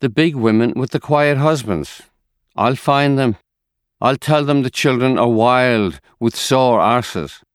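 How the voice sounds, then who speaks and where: A man voicing a kind, motherly middle-aged neighbour woman who speaks gently. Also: mid-range voice, takes it slowly, clean tone, dry recording, studio quality, voice pushed up, close to an everyday voice. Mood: brisk. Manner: soothing, gentle.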